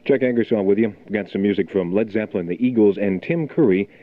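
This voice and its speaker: Speaking fast in a lowish voice, a morning rock radio host chats casually through local announcements in classic album rock DJ fashion from his studio. The recording is a muffled, phone-like 1980 aircheck backed by music.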